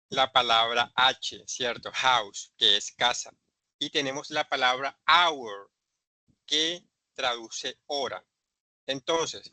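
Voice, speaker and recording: A man's voice: mid-range voice, pushed and bright, dry recording. A man teaching an English grammar lesson, patiently repeating and spelling out examples.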